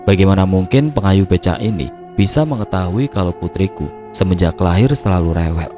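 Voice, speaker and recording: A man calmly reading a first-person mystery story in scripted narration. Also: deep voice, a little fast. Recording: music playing behind.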